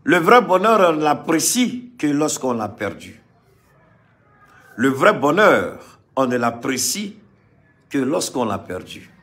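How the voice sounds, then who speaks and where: A man from Mali giving impassioned political commentary to a live audience, repeating phrases for emphasis and swinging between loud and quiet. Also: fairly high pitch, sing-song, slow, long pauses.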